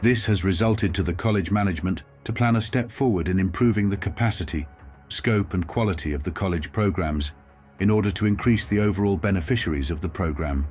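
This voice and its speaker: A man reading a documentary voice-over in a measured, formal way. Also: low voice, a little mellow, faint music behind. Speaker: documentary narrator. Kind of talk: scripted voice-over narration.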